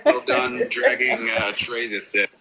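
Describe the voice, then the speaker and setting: A man's voice: mid-range voice, huge pitch swings, gravelly, a loud crowd. Sex: man. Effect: glitchy echoing call audio that drops out. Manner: hesitant, pauses with "uh". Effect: glitching, echoing voice-chat audio that repeats and cuts out. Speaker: voice chat participant. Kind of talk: casual chat.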